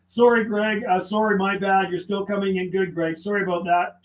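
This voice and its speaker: A man from western Canada chats casually and live over CB radio while streaming, laughing often and rattling off call signs and radio jargon. His voice is high and flat, moving a little fast, with noise filling the background.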